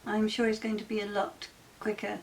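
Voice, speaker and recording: A woman hosting a casual crafting tutorial, soft-spoken and chatty with frequent ums, often dropping to a near whisper while she works. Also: mid-range voice, completely flat delivery, a little fast, creaky, a little hiss or hum, poor audio.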